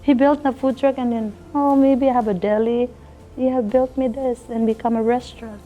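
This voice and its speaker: Middle-aged woman, Filipino accent, mellow voice, earnest and quick to laugh; soft music bed. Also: a little high, fairly even intonation, dull audio. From Philippines. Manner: earnest, laughs often, nonstandard English grammar. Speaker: restaurant owner and chef. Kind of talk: casual interview talk.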